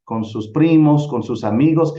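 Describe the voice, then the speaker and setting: This missions teacher from El Salvador, an earnest man in middle age, speaks unhurriedly to a church group, breaking off and beginning phrases again while he thinks. His voice is mellow and dark yet fairly high, captured in a roomy, somewhat dull recording.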